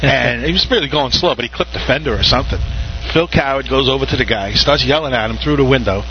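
A man's voice: mid-range voice, fast talker. A chatty, informal man giving casual live race commentary and telling stories. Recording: muffled and very noisy trackside audio.

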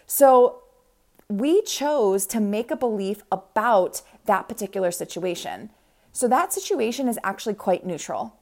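Peppy woman in her 30s doing a casual confidence coaching podcast from inside a closet, medium pitch, really emphatic. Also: expressive, measured pace, a little mellow. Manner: peppy, emphatic, informal pep talk. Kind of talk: casual motivational podcast monologue. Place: small indoor closet.

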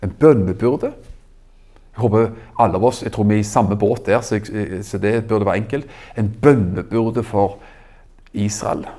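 A man preaching a sermon in an animated, emphatic way, asking the audience questions. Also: fairly low pitch. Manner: animated, rising emphatic exclamations.

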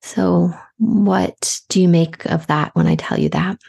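A woman hosting a podcast, speaking softly and affectionately as she gives a guest an intuitive reading. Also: fairly low pitch, sing-song, gravelly, husky. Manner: slow, soft-spoken, affectionate. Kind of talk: gentle reflective podcast talk.

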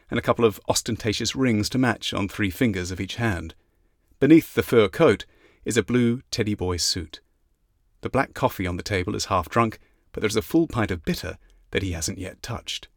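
Low-voiced man reading an audiobook. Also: moderate pace, no room sound, studio quality. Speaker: audiobook narrator. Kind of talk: scripted narration.

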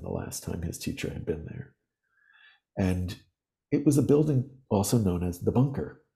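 A man in his sixties, a podcast guest, telling reflective, vivid stories at an unhurried pace with frequent pauses. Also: low-pitched, mellow. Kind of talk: storytelling interview.

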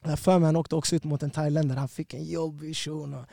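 Animated man telling a fight story. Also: a little high, creaky, no echo, clean studio sound. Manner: slangy, animated, swearing. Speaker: guest fighter. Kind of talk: casual storytelling.

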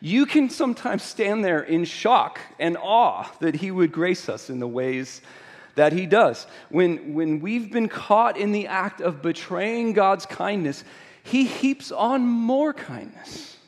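A man's voice: sits high, expressive, slow pace. Man preaching in a reverberant hall. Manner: storytelling with many small repeats and restarts, swinging from quiet to emphatic. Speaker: pastor. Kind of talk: sermon. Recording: long reverb of a large hall.

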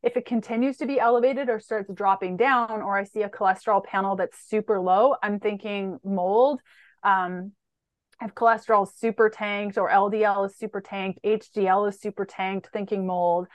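A woman guest on an interview, talking through lab results in a steady, methodical way, marker after marker. Her voice sits in a middle range for a woman. The sound is dry and close, with no room around it. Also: mid-range voice, moderate pace, dry recording. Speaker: holistic nutritionist guest. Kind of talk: explanatory interview answers.

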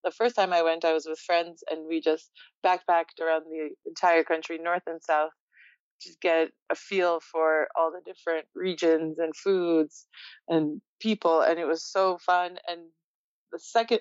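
A young woman from Poland, a guest in a casual interview, talking in a relaxed, reflective way and laughing often. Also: low voice, normal speed, smooth, no room sound, dull audio.

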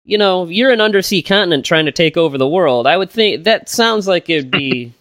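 A man's voice: sits high, expressive, brisk, fairly bright tone, dry recording, clean studio sound. A man co-hosting a casual film podcast, rambling through plot summaries with lots of fillers, restarts and jokes. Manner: jokey, laughs while retelling plots. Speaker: podcast co-host.

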